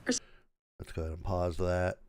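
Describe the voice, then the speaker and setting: An older man hosting a casual livestream, his voice raspy from a recent sore throat, rambling easily and laughing at himself. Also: sits low, little pitch movement, a little slow, a little mellow. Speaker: channel host.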